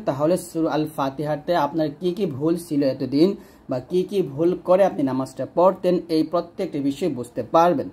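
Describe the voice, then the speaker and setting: In this recitation lesson, a man teaching the Quran speaks in a mellow voice that sits a little high for a man. Patiently he explains each sound, stretching the recited words out slowly so that every letter comes through.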